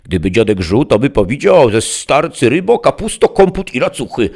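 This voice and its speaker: A man voicing a gruff middle-aged family father in an audiobook, talking in a low, creaky rasp. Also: very animated, normal speed, a little mellow.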